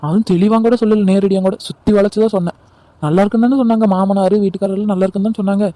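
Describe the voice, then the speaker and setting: A scornful, sharp-tongued young daughter-in-law from a homemade cartoon, with a man doing the voice. She talks fast and high. The sound is dry and close. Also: steady tone, no echo, close to an everyday voice. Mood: defensive. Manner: scornful, defensive. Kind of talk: amateur cartoon voice acting.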